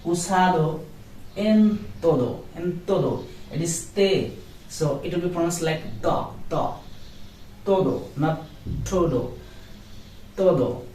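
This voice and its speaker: Slow, echoey-sounding language teacher. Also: mid-range voice, a little mellow, recorded from a distance. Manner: repeats words slowly, contrasting wrong and right sounds. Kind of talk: slow spoken pronunciation lesson. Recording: echoey room, voice off-mic, faint noise.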